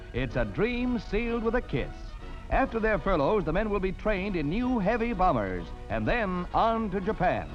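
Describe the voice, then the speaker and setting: A man narrating an old 1940s newsreel in an emphatic, declamatory announcer style. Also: sits high. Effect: old 1940s newsreel soundtrack. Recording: dull lo-fi old film soundtrack with music. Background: music score.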